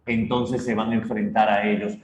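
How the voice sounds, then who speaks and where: A man teaching literature, retelling a myth in an animated way and acting out its characters. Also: lowish voice, moderate pace, lo-fi sound, slight background noise. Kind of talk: storytelling lesson. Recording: roomy echo.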